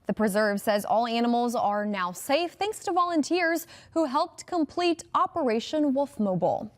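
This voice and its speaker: Female TV anchor, slightly high-pitched, brisk and upbeat scripted delivery. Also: sing-song, slight background noise. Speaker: news anchor. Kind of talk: scripted news reading.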